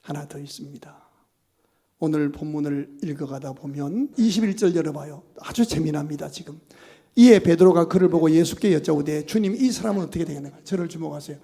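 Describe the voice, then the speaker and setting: A man preaching a sermon as pastor, swinging from hushed near-whispers to loud, emphatic exhortation. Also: a little high, steady tone, a little fast, breathy edge.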